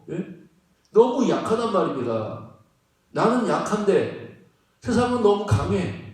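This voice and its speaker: A male pastor delivers a sermon in a high voice, talking to his congregation in an emphatic, conversational way and asking them questions again and again. His voice rings through a very echoey church sanctuary, picked up from a distance. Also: darkish tone. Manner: emphatic, conversational preaching with frequent rhetorical questions and laughs.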